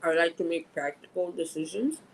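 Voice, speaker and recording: Vlogger, male, slightly high voice, blunt and chill, chews while talking, light background noise. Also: normal speed, creaky, rough recording. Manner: blunt and laid-back, swears freely; talks while chewing food. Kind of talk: casual vlog chat.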